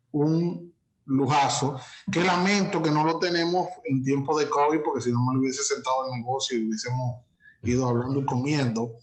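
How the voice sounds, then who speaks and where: A man hosts a prerecorded webinar from his office, reading a long guest introduction. He talks at a middle pitch, pausing on fillers and restarting words often. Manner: hesitant, many fillers and restarts. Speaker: host and entrepreneurship instructor.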